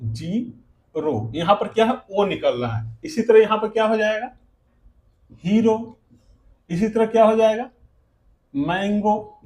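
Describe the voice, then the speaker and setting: Hindi-accented male teacher with a high voice. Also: a little mellow. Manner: asks rhetorical questions and answers them himself. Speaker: English teacher. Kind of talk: classroom lesson.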